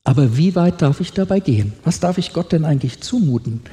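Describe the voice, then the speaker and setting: A middle-aged man preaches a sermon in a church hall with long reverb, reading scripture with mounting feeling and putting questions to the congregation. His voice is a little high, expressive, fairly quick and mellow, and the recording carries that long hall reverb.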